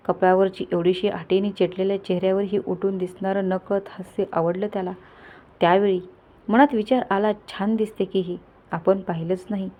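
Over phone-quality sound, a woman with a mid-range voice narrates a scripted family story. She takes on all the characters' dialogue herself, shifting her voice slightly for them.

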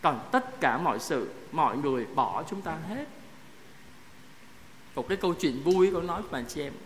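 Male priest, sermon, high voice, long church echo, chatty, asks the congregation questions. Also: expressive, normal speed. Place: parish church. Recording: echoey church hall, faint noise.

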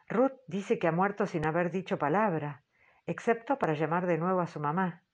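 A woman reading an audiobook in a measured, low-key way, on a dull, muffled recording. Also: a little mellow. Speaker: audiobook narrator. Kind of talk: scripted literary narration.

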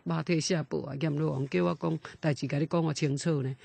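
A man voicing the ghost of a young son who has come back to collect an old debt, speaking calmly and solemnly. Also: a little high, quick pace, gravelly, husky, exaggerated voice.

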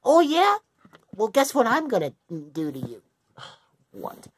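A woman voicing a cocky cartoon plumber hero who taunts and giggles in a breathy, slow, wildly swooping voice, a boastful little show-off in a homemade cartoon fan dub. The voice is high and the recording is dry and close. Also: huge pitch swings, dry recording, exaggerated voice. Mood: irritated. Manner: taunting, giggly, sing-song.

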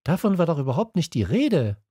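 A caring mother with a lifted, lighter voice, as a male reader puts her on. She sounds high for a man and moves lively up and down, set in a dry, close audiobook recording. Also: fairly quick, slightly rough, no room sound. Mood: surprised. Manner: raised, lighter voice. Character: worried mother, grown woman, caring. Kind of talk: children's audiobook reading.

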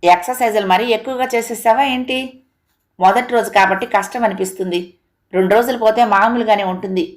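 A woman's voice: medium pitch, fast talker, lightly acted. A woman voicing an exasperated middle-aged husband in an audio story, asking blunt, impatient questions. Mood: teasing.

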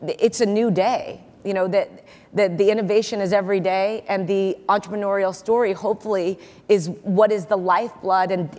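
A woman's voice: mid-range voice, a little mellow. A woman in her forties, an investor interviewed on stage, speaking confidently and repeating words for emphasis into a lapel mic. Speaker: investor and keynote guest. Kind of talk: onstage interview. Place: large conference hall stage. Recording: long hall reverb.

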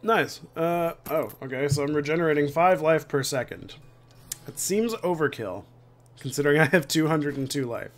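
A man's voice: on the high side, lively intonation, normal speed. A young man giving casual, sweary, joking commentary as he plays a game. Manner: sweary, joking, reacting aloud. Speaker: gamer commentating a playthrough. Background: game music.

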